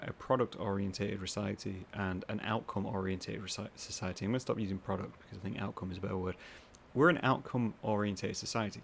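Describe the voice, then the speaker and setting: A man hosting a podcast in a casual, rambling monologue, with self-mocking asides and quoted voices acted out higher. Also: a little hiss or hum. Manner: acts out what others say in higher voices. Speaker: podcast host.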